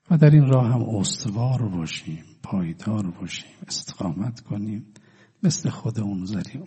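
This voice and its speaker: Guy preaching a sermon, real husky breathy voice, dark mellow tone, dramatic loud and soft swings. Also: fairly low pitch, in a large hall. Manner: dramatic, swinging between loud declaiming and hushed drawn-out words. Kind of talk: religious sermon with storytelling.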